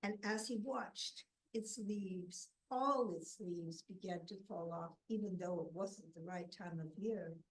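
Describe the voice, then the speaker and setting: A woman telling a folk tale to an audience in a deliberate, drawn-out storytelling manner. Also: fairly low pitch, distant mic, rough recording.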